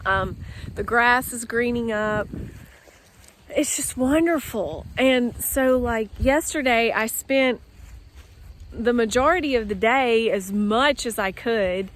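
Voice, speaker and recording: A woman's voice: on the high side, takes it slowly, a little hiss or hum. A woman talking casually to her viewers while out of doors, rambling with many fillers and restarts. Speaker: vlogger. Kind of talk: casual outdoor vlog talk. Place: outdoors with trees and her dogs.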